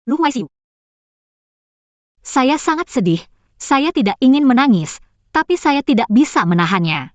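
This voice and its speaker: A woman's voice: a little high, lively intonation, fairly quick, long pauses, no echo, close to an everyday voice. A young actress dubbing a hurt village woman in a short drama, emotional and tearful as she pleads. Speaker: lead actress.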